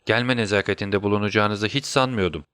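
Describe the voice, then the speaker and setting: A man's voice: on the low side, a little fast, fairly bright tone, clear, resonant tone, dry recording, studio quality, close to an everyday voice. A man voicing a sick, feverish male detective in a storybook reading, urgent and conspiratorial. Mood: faint.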